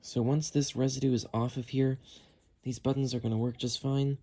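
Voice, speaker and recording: A little fast and flat in delivery, this medium-pitched man with a dark tone narrates a casual cleaning tutorial, describing every step while his hands do the work.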